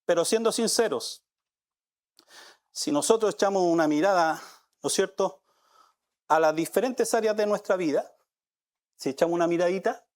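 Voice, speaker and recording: A male pastor giving a live Sunday sermon in a church, pressing his listeners with repeated rhetorical questions and swinging between soft, low passages and louder, raised ones. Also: normal speed, pauses often. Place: church sanctuary.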